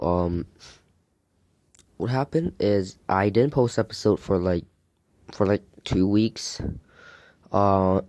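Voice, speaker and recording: A man hosting a casual solo gaming podcast, talking haltingly while getting over a sore throat. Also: low-pitched, dark tone, dry recording. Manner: halting, hesitant delivery. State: sick, recovering from a sore throat.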